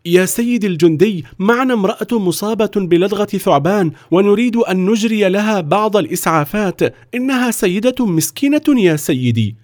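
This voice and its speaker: A man's voice: high-pitched, animated, brisk, no room sound, clean studio sound, pitched above the performer's own voice. A man voicing a humble villager who begs a soldier to let a wounded woman through, in a storybook reading. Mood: begging. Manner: pleading. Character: poor villager, man, begging.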